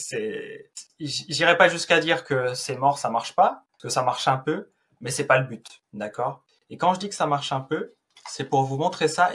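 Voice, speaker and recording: Husky-voiced man chatting through a tutorial. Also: mid-range voice. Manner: chatty, loose and informal, with frequent hesitations. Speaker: YouTuber explaining a software tool. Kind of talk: casual tutorial explanation.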